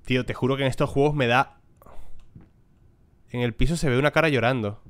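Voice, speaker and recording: A man's voice: mid-range voice, fairly quick, smooth. A man, giving casual let's-play commentary on a horror game, chatting to his viewers and swearing freely. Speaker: gaming YouTuber.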